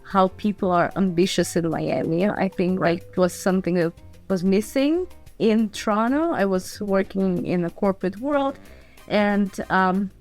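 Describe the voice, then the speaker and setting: A fitness entrepreneur from Belarus and Ukraine tells her story casually as a podcast guest in an interview. Her medium-pitched voice is a little slow and slightly mellow, with faint music behind it.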